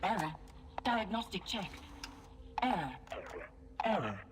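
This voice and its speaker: A broken female security robot glitches through terse error reports and diagnostics, her pitch leaping up and down between words and sometimes dropping to a whisper. It is heard through game audio with a heavy wash of noise behind it. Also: big pitch swings, takes it slowly. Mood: glitching. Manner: terse machine status reports, some whispered. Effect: glitching robot voice, clipped error announcements.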